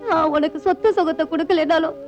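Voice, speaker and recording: A poor housemaid mother, pleading and emotional, her voice very high. Under her, the film sound is dull and loud score music plays. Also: brisk. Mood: tearful. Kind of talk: Tamil film acting.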